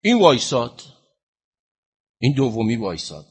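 A man preaching a sermon in a husky voice at a middle pitch. He tells the story slowly and with emphasis, and his voice climbs when he puts questions to the listeners. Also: huge pitch swings. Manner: questions the listeners directly and demands answers; slow, emphatic retelling with rising pitch and loudness.

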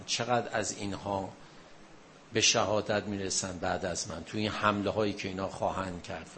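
A man's voice: fairly low pitch, gravelly, a little hiss or hum. A man preacher delivering a religious mourning sermon, retelling a martyrdom story with rising emotional intensity.

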